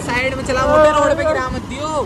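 A young man vlogging outdoors on a road, bantering loudly and teasing his friends. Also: very high-pitched, level tone, brisk, a loud crowd. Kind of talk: casual joking chat with friends. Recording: loud traffic noise outdoors.

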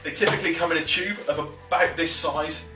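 At a wooden table in his living room, a fishing instructor chats enthusiastically to a camera a few feet off, walking through tackle with filler words and quick restarts. His voice runs somewhat high and his tone stays steady. The room sounds roomy and slightly distant, with faint music playing.

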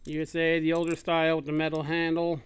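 A man's voice: on the high side, quick pace, clean tone. Casual man showing off shop tools. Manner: relaxed, plainspoken, trails off quietly. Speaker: shop owner showing a tool haul. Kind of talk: casual show-and-tell narration. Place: workshop bench.

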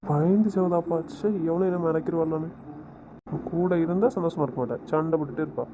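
A man's voice: fairly high pitch, fast talker, noisy background. A man talking with his wife on a phone call, teasing her and giving bossy instructions. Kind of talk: casual phone conversation.

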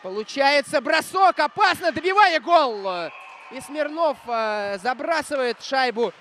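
A man commentating live on ice hockey, making an excited goal call in raised, drawn-out shouts. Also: extremely high pitch, a little hiss or hum.

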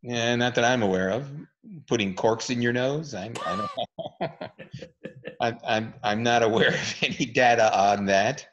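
Over a muffled, low-fidelity video call, a doctor gives an online presentation and answers questions. His medium-pitched voice moves at a measured pace, relaxed and explanatory, with frequent fillers like um and uh.

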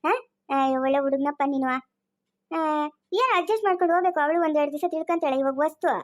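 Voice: high voice, dry recording, studio quality, close to an everyday voice. A performer playing a bossy, soothing village mother-in-law in a family comedy skit, with a rural Karnataka accent. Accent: rural Karnataka Kannada. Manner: rapid, scolding-soothing village chatter.

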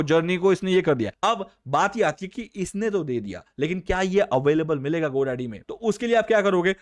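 Young male tutorial host, voice on the high side, casual step-by-step delivery, mixes English phrases in. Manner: casual instructive, addresses viewers as guys; reads typed prompts aloud slowly. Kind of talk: screen-recorded tutorial.

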